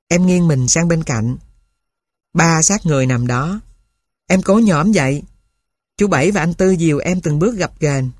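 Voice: mid-range voice, darkish tone, no echo, clean studio sound. Somber storyteller. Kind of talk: dramatic audiobook narration.

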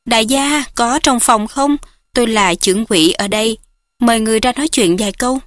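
A woman voicing a timid, deferential old male innkeeper in an audiobook story, speaking in a hushed, fearful way. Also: on the high side, a little fast, no echo, lightly acted.

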